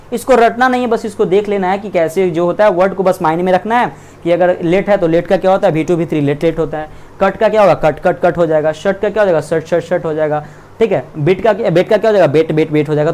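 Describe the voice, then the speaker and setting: Guy with a pretty high voice teaching verb forms online, reads lists, keeps saying theek hai. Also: darkish tone. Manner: reads word lists aloud, repeating and self-correcting. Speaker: English grammar teacher. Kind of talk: online grammar lesson.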